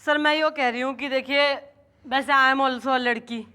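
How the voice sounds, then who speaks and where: A woman playing a police inspector in a TV sitcom, blunt and brisk, mixing in English phrases. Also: high-pitched, fairly even intonation, sharp tone, smooth. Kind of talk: TV sitcom acting.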